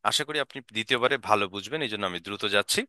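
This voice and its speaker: A man's voice: lowish voice, lively intonation, quick pace, pushed and bright, no room sound. A man teaching English verbs in a lesson, saying each sentence in Bengali and then in English and having learners repeat after him.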